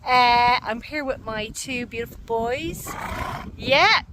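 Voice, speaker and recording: A middle-aged Irish woman with a slightly husky voice, chatting excitedly to a handheld phone camera outdoors, rambling and self-deprecating. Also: fairly high pitch, takes it slowly, background noise. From Ireland. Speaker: cottage owner and wellness host. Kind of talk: casual chatty update to camera. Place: outdoors by a paddock with horses. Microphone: phone camera held by hand.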